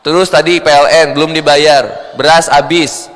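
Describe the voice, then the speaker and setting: A man's voice: fairly high pitch, fairly even intonation, normal speed, fairly bright tone, in a large hall, pitched below the performer's own voice, natural voice, low-quality recording. A man with a Sundanese accent voicing a nagging, sulky wife in a humorous sermon. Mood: complaining. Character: nagging, complaining wife, adult woman.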